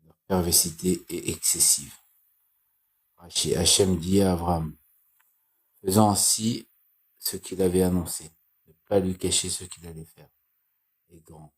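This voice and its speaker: A man reading and explaining Torah commentary in a slow, halting way, with restarts and repeated phrases. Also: low voice, steady tone, breathy edge. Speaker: Torah teacher.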